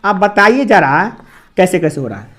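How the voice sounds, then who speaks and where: A man's voice: high-pitched, big pitch swings, normal speed, fairly bright tone. A man teaching grammar to a classroom of students. He explains patiently and goes over each point more than once. He stops often to ask whether the class has understood.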